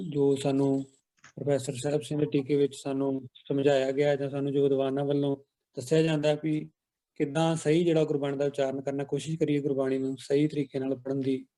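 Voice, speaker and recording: A man hosting an online class, gently correcting and announcing students. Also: mid-range voice. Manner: gentle corrective, addresses children as beta ji. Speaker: teacher hosting online camp. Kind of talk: instructive announcing.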